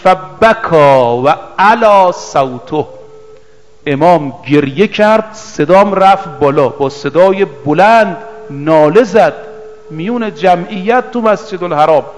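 A man preaching a sermon, reciting scripture slowly in a half-chant and then explaining it in plain, casual speech. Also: high-pitched, big-room sound.

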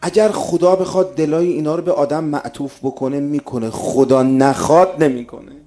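A man preaching a sermon, moving from loud exhortation to hushed retelling of a story. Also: fairly high pitch, fairly even intonation, faint music behind.

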